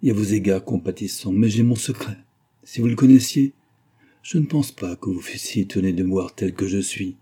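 A man voicing a proud, brooding gentleman traveller in his forties, read in an audiobook with a grave, husky, tormented delivery. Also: fairly low pitch, a little fast. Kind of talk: audiobook reading of a novel.

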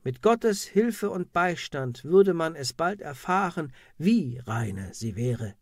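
A man's voice: fairly high pitch, sing-song, takes it slowly, dry recording, clean studio sound, heavily acted. A man voicing a scornful male executioner in an old witch trial. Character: mocking male executioner, harsh.

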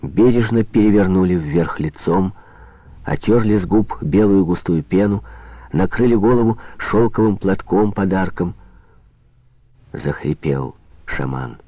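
A man reading a novel aloud as the narrator, in slow, dramatic storytelling. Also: low-pitched, expressive, dry recording. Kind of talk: audiobook reading. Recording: tinny phone-like sound.

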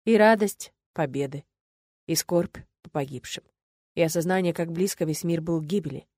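A woman narrating a first-person fantasy audiobook in an expressive, lively way. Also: low voice, normal speed, no echo, clean studio sound. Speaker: audiobook reader.

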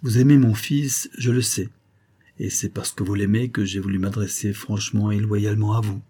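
A man reading an audiobook, voicing a smooth-talking older viscount with falsely affectionate manners. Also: on the low side, fairly even intonation, moderate pace, dark tone. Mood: honeyed.

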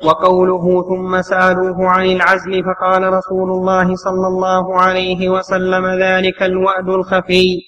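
High, monotone man reading aloud. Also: moderate pace, few pauses, a little hiss or hum, low-quality recording. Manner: steady recitation of a written text. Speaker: student reading the text aloud. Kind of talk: reading a text aloud in class.

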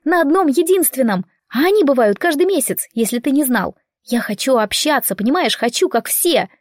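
A woman's voice: sits high, animated, moderate pace, no echo, studio quality, pitched above the performer's own voice. A woman voicing an upset teenage girl of almost fifteen, pleading and indignant.

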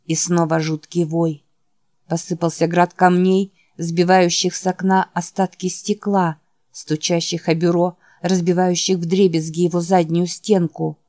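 A woman narrating an audiobook in a measured, dramatic reading style. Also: fairly low pitch, level tone, mellow, dry recording.

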